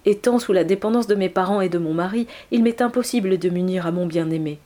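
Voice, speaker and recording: A woman reading the lines of a lovesick young merchant's daughter in a soft, hushed way. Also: fairly low pitch, quick pace, close to an everyday voice. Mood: despairing.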